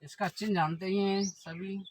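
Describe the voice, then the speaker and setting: A man's voice: high-pitched, flat delivery, moderate pace, noisy background. A man teaching an exam-prep lesson, explaining step by step and often putting questions to the viewers.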